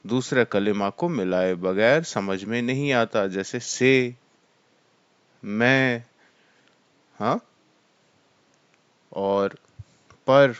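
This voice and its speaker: A man teaching Arabic grammar in a lecture, explaining terms slowly and mixing in English words. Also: lowish voice, smooth, no room sound, dull audio. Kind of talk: classroom lecture.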